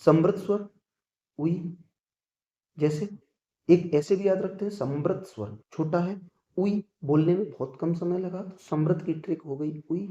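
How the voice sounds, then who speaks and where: A man's voice: fairly high pitch, measured pace, dark tone, echoey room, highs cut off. A man teaching an exam-prep grammar lesson, repeating points and often checking whether students have understood.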